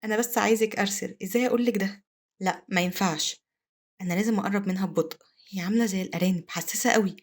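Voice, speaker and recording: A woman voicing a brooding male pirate duke in her Egyptian Arabic accent, with quick, flat delivery. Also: mid-range voice, close to an everyday voice.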